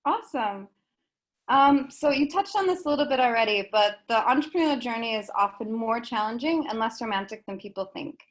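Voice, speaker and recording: A woman with a somewhat high voice hosts an online session over a video call. She reads her prepared introduction in a clear, even, orderly way. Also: brisk. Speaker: host of an online speaker session. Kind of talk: scripted introduction and interview.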